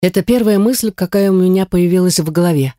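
A woman narrating a fantasy audiobook with expressive storytelling. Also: lowish voice, brisk, no room sound, clean studio sound. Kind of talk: scripted narration.

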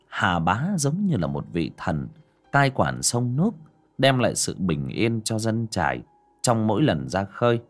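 A man narrating a dramatic audiobook story, swinging between loud and hushed delivery. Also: fairly low pitch.

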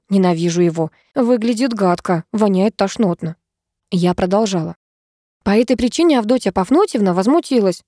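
A woman narrating a comic story in a wry, even manner. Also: mid-range voice, no room sound, studio quality. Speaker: audiobook narrator. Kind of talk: scripted narration.

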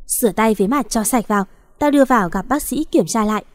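A woman voicing a harsh, impatient older sister with a sharp, scolding manner. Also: a little high, fast, dry recording, close to an everyday voice.

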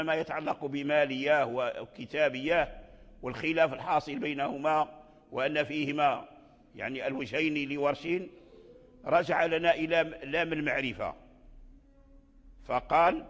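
A man's voice: fairly high pitch, fairly bright tone. Man teaching in an echoey hall. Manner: repeats words aloud to demonstrate pronunciation; deliberate explaining, with restarts. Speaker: sheikh teaching recitation. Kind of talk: lesson explaining a recitation poem. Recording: echoey hall, dull lo-fi sound.

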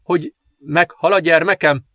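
A man's voice: on the high side, fairly even intonation, fairly bright tone, no room sound, voice pushed up, natural voice. A man voicing a young princess in the pain of childbirth, pleading and anguished, in a storybook reading. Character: desperate young princess in labor.

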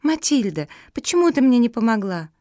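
A woman voicing an earnest young female dog who speaks high and urgent. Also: sing-song, a little fast, dark tone, dry recording, clean studio sound. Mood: tearful.

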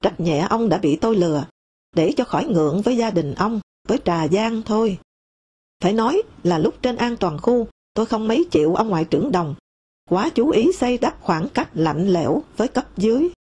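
A woman narrating a memoir audiobook in a steady, measured storytelling manner, reading the quoted dialogue in her own voice. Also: mid-range voice, breathy edge. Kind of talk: memoir read aloud.

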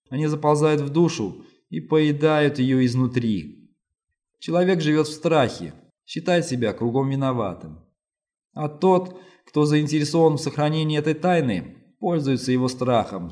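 A man's voice: mid-range voice, darkish tone, pitched above the performer's own voice, lightly acted. Brief: male reader as a tough woman police lieutenant, firm, insistent, audiobook. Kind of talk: audiobook reading.

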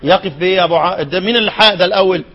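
An older man with an Egyptian accent teaching Quranic readings, quizzing his students and chanting quoted verses slowly. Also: high voice, breathy edge, muffled recording. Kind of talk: classroom lesson on Quranic readings.

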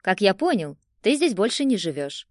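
Woman voicing a calm, confident young neighbor. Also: mid-range voice, normal speed, no echo, studio quality, natural voice. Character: calm, self-assured young male neighbor. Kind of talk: audiobook character voicing.

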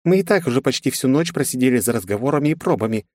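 A man's voice: medium pitch, lively intonation, racing, a little mellow, no echo, studio quality, voice pushed up, lightly acted. Azril, a stern female mentor, voiced by a man. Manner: stern, instructive.

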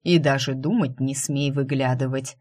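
A woman voicing a stern, teasing dark sorcerer who talks in a lazy drawl. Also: a bass voice, steady tone, normal speed.

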